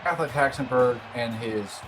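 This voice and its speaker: A man's voice: mid-range voice, normal speed, music in the background, low-quality recording. A man giving casual play-by-play commentary on a baseball game, with scratching in the background. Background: scratching and scraping noises.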